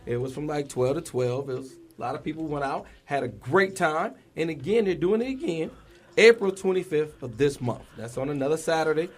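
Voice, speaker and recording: A man's voice: a little high, lively intonation, a little fast. A man co-hosting a radio talk show, teasing and joking with his partner in the studio. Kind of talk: casual radio banter.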